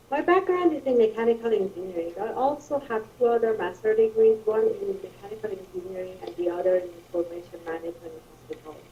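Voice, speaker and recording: Lively, mellow-voiced woman, lo-fi. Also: medium pitch. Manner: lively sing-song rises. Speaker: MBA student career mentor. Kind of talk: self-introduction.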